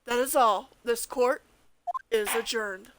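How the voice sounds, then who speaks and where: A woman's voice: a little high, slow pace, background noise. A woman voicing an authoritative male judge in a courtroom video game, speaking in formal, stately pronouncements. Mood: solemn.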